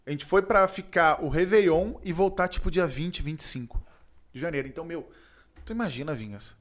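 A man from southern Brazil with a Gaúcho accent, telling a story in casual chat, animated and slangy, acting out the voices of the people in it. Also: a little high, brisk. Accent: Gaúcho Brazilian Portuguese. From Rio Grande do Sul, Brazil.

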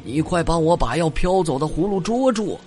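A man's voice: fairly high pitch, expressive, normal speed, darkish tone, soft background music, voice pushed up, lightly acted. A man voicing an urgent, resourceful old grandfather rabbit in a children's bedtime story. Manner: urging, exclaiming.

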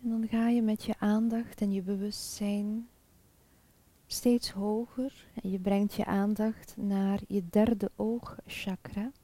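A woman guiding a chakra meditation in a soft, calm, half-whispered spa-like voice with long pauses. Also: medium pitch, no echo. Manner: slow, calm, soothing, with pauses. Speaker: meditation guide.

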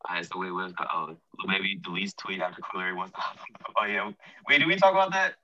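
Male podcast co-host, casual chat, quick and sharp voice, slightly distant, dull recording. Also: deep voice, no echo. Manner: loose, animated, trails off and restarts. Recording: muffled, off-mic.

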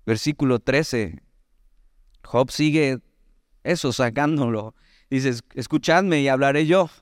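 Recorded close and dry with no echo or room sound, this Mexican preacher from Veracruz has a smooth, resonant mid-pitched voice and a Mexican Spanish accent. His Bible teaching is easygoing and conversational, full of lively asides, with scripture read slowly.

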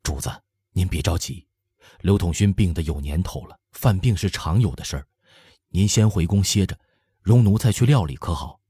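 A man voicing an anxious male court minister who speaks softly and deferentially. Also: low voice, expressive, normal speed, slightly rough, no echo, heavily acted. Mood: soothing.

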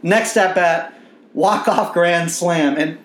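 A man co-hosting a podcast in casual sports chat, animated and profane, laughing often. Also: sits high, takes it slowly, echoey room. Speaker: podcast co-host.

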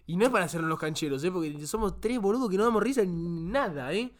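Argentine young dude co-hosting a chat podcast, rapid, swears a lot, jumps in over people. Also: male voice, high voice. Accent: Argentine Spanish. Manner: animated, interrupting, swearing. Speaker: podcast co-host. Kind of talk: casual chat.

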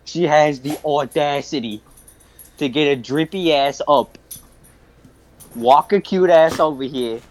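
A young man hosting a podcast, telling a story in a casual, profane, animated way with frequent laughter. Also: on the high side, a little slow, pauses often. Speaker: podcast host.

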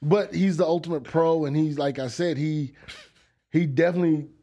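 A man's voice: on the high side, fairly even intonation, moderate pace, dark tone. A man co-hosting a sports talk show, joking and slangy in casual banter. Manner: joking, laughs often, slangy. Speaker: sports podcast co-host.

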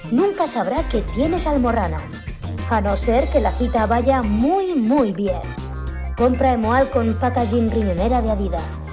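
A woman's voice: a little high, lively intonation, a little slow. A woman reading a parody commercial in an upbeat, mock-salesy way. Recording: music bed under voice.

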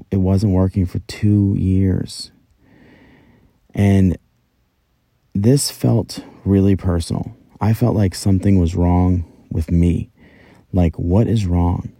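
This is a casual first-person podcast monologue from a middle-aged man sitting in a closet. His voice is low-pitched and mellow with no room sound, since the recording is very dry and close, and he tells his story in a chatty, self-mocking way.

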